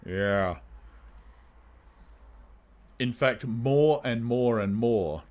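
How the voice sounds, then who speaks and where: A man's voice: medium pitch, very slow, a little mellow. A man from Australia, an audiobook narrator, chatting casually and self-deprecatingly on a live stream.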